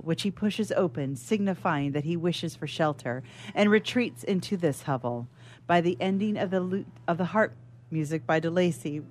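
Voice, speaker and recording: Over background music, a woman reads scripted stage directions in a formal, measured manner. Her voice is slightly low with a darkish tone.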